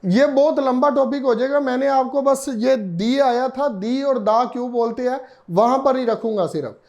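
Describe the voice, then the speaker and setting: A male teacher, explaining a reasoning lesson slowly, repeating himself and asking and answering his own questions. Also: very high-pitched, darkish tone, dull audio.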